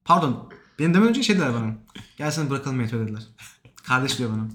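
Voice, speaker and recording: Fast, animated young man storyteller. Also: medium pitch. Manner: animated, emotional retelling with quoted dialogue. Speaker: podcast guest. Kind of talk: casual storytelling. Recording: echoey room.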